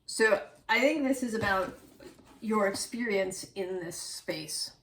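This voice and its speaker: A woman's voice: mid-range voice, takes it slowly, a bit bright, a little hiss or hum. A woman giving a casual, reflective tarot reading, musing aloud and correcting herself as she goes. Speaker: tarot reader.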